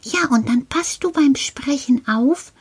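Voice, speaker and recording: Karl, a woman voicing a small cave-dwelling creature. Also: sits high. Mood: patient coaching. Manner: slow, patient, often drops to a whisper. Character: cheerful little male cave-dwelling earth creature.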